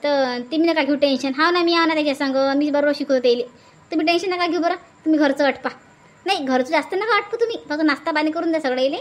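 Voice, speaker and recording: Playing a domineering village woman in a comedy sketch, she nags her sister-in-law in a coaxing, insistent, scolding manner and urges her again and again. Her voice is high and close to everyday speech, and she talks fast.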